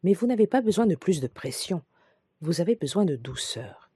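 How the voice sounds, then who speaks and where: A woman sophrologist leading a guided relaxation session, speaking softly and soothingly, sometimes dropping to a whisper. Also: fairly low pitch, very animated, slightly rough. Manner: soft, slow, soothing guidance, drops to a whisper at times. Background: soft background music.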